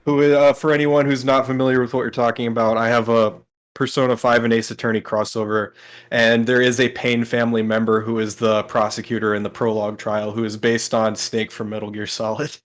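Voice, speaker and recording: A man co-hosting a let's play chats casually about the game and voices its characters, explaining things in a hesitant, thoughtful way. His mid-range voice is flat and a little fast, with game music playing in the background.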